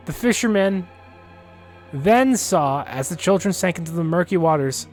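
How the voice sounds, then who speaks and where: A chatty man streaming a game, who stops to read in-game texts aloud. His voice sits a little high. Faint music plays behind him. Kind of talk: casual gameplay commentary and reading aloud.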